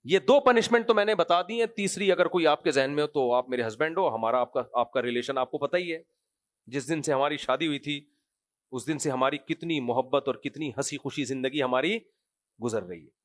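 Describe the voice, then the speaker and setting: A man voicing a scheming noblewoman who feigns wronged innocence, speaking in a soft, coaxing, insinuating way. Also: on the high side, no echo, natural voice.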